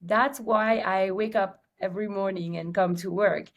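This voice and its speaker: A woman's voice: medium pitch, unhurried. Belgian-accented woman telling her story. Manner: lively storyteller with many filler ums. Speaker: guest, company CEO. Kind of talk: casual interview chat.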